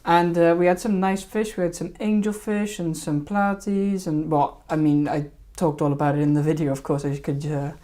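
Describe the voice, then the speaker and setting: A woman's voice: low voice, little pitch movement, moderate pace, few pauses, dark tone. A woman hosting a fishkeeping live stream, rambling casually and hesitantly over her old videos. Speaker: fishkeeping channel host.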